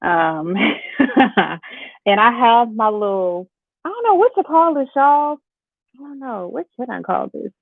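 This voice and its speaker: A woman's voice: a little high, very animated, takes it slowly, creaky, pauses often, breathy edge, no echo. An upbeat woman, chatting with viewers as she hosts a makeup livestream. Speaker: beauty livestream host. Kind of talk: casual makeup livestream chat. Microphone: AirPods. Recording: tinny phone-like livestream audio.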